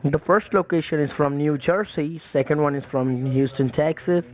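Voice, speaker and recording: A man's voice: fairly high pitch, moderate pace, a little mellow, rough recording. A man working as a phone agent in a busy call center, talking in a scripted, procedural customer service manner.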